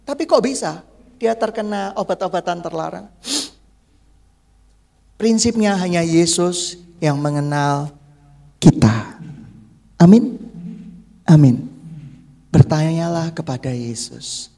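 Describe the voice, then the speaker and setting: A male pastor preaching a lively, humorous sermon, acting out the voices of people in his stories. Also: fairly high pitch, slow, vocal fry, long pauses. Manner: humorous, acts out congregants' voices.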